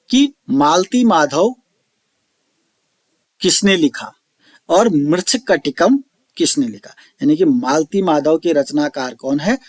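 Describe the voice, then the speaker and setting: A man teaching an online lecture, slowly explaining each term and repeating it, reciting verse lines drawn out. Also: on the high side, no room sound, studio quality. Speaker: Sanskrit teacher.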